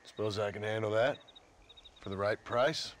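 A man's voice: lowish voice, normal speed, lightly acted. A man playing a world-weary, wry gunslinger in a western video game, dry and laconic. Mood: wry, guarded.

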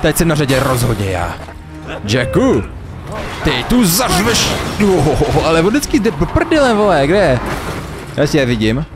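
Young male let's player, wildly expressive pitch, cussing, desk mic. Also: over music. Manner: animated, swearing, laughing a lot. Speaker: gamer, let's play host. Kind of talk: let's play commentary.

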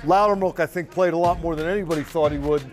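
Speaking fast in a higher voice, with faint music behind him, a man in his sixties who reports on the team offers casual sideline chat at an outdoor practice field. His talk is conversational and analytical, with occasional dry humor.

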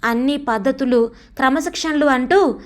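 A woman's voice: high-pitched, moderate pace, lightly acted. A woman voicing a stubborn, resentful teenage son who talks back sarcastically in a storybook reading. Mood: defiant. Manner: sulky, defiant, sarcastic.

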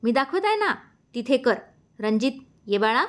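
A woman's voice: fairly high pitch, sing-song, pitched above the performer's own voice. A woman reading a story aloud, voicing a scornful, scheming middle-aged woman who speaks sharply and in a hurry. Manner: sharp, mocking and hurried. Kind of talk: audiobook character voice.

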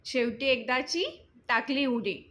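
Woman storyteller, moral story reading, slow pace, bright voice, measured. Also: sits high.

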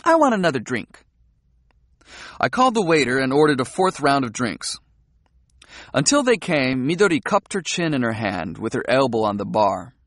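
A man narrating a novel in a calm, measured first-person audiobook reading. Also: medium pitch, no echo, clean studio sound.

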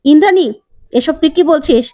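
A woman's voice: sits high, brisk, warm tone, no echo, studio quality, pitched above the performer's own voice, lightly acted. A woman voicing an angry, domineering older mother-in-law while retelling a serial episode, indignant and scolding. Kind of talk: serial recap storytelling.

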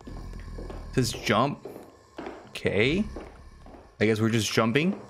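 A young man giving casual, excitable commentary while playing a game, talking to himself in slangy chatter. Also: lowish voice, slow pace, slight background noise. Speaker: gaming commentator.

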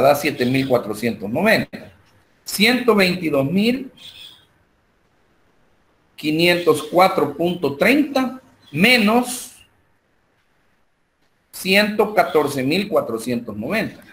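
With a slightly high voice that swings a lot in pitch, a Salvadoran Spanish-accented man teaches math online. He goes slowly, one step at a time, through the calculations and a spreadsheet, and uses fillers often.

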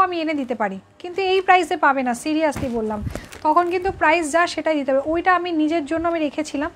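A woman's voice: high voice, fairly bright tone, slight background noise. A woman, running a live sari sale. She chats with viewers and keeps repeating the prices. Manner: chatty, repeats prices, answers viewers directly. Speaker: boutique owner selling saris live. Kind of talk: live sales stream.

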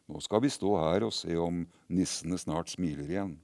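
A man's voice: deep voice, gravelly, a little mellow, no echo, clean studio sound. A man voicing a crowd of exclaiming, slightly sceptical grown-ups watching a shop window in a story. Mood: amazed. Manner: exclaiming, chattering, a bit sceptical. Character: crowd of amused grown-up onlookers.

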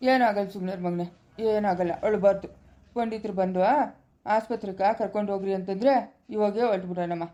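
A woman's voice: medium pitch, steady tone, dark tone, lo-fi sound, lightly acted. Woman playing an anxious village mother. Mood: soothing, worried. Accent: rural Chikkaballapura Kannada. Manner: fast, pleading and soothing. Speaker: mother in a family skit. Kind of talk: amateur village family drama.

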